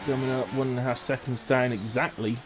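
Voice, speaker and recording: A man's voice: medium pitch, level tone, a little fast, background noise. A man giving chatty, teasing live commentary on an online race. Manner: teasing, chatty, laughs often. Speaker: sim racing commentator.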